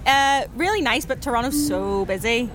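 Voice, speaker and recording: A woman's voice: fairly high pitch, expressive, moderate pace. A woman with a Northern Irish accent chatting casually as a musician in an interview, recorded outdoors. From Belfast, Northern Ireland. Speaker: band drummer being interviewed. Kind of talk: casual chat. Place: outdoors behind a music venue. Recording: noisy outdoor street with traffic.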